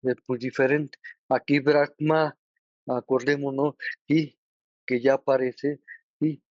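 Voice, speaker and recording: A man with a Mexican Spanish accent teaching a study group, halting and often pausing to check that listeners follow. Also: medium pitch, little pitch movement, no echo. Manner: checks understanding with frequent tag questions; halting, with many restarts and filler words. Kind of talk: explanatory lesson. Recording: dull, lo-fi recording.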